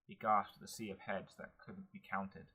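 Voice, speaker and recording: A man reading a fantasy novel aloud in a steady, earnest manner. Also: sits low, moderate pace, breathy edge, rough recording. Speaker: audiobook narrator. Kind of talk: audiobook narration.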